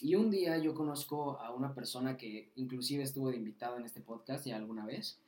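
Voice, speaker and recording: A man's voice: mid-range voice, a little fast, slight background noise. A young man with a Mexican Spanish accent, a podcast guest telling a story in a casual, slangy way with lots of swearing. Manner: slangy, swearing, animated anecdote with acted quotes. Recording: roomy echo.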